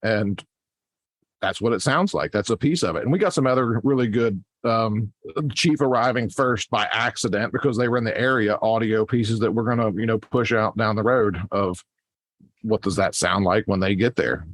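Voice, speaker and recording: A man's voice: lowish voice, normal speed, no room sound. Dry-sounding man explaining casually. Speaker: fire service podcast panelist.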